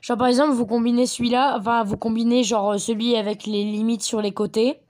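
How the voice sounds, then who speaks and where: A woman giving rambling, chatty commentary on a mobile game from her bedroom at home. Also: fairly high pitch. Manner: chatty, rambling, quick to get excited. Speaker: gameplay commentator. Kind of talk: casual gaming commentary.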